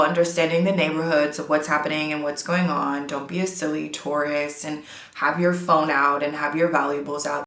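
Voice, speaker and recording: A woman's voice: low-pitched, a bit bright, echoey room. A woman in her thirties talking casually to camera as a vlogger, earnest and encouraging, leaning hard on key words. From United States.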